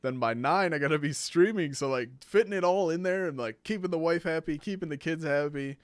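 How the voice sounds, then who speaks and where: A man's voice: a little high, fairly quick, clear, resonant tone, no room sound, clean studio sound. Easygoing man in his late 20s hosting. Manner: rambling, easygoing, many "like" fillers. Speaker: podcast host and streamer. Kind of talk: casual podcast chat.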